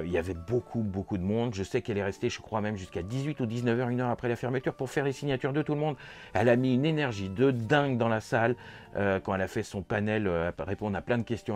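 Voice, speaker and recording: A man's voice: mid-range voice, darkish tone. A man with a French accent recapping a horror convention in a casual vlog, enthusiastic and rambling with many fillers and repeats. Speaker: vlogger recounting a convention.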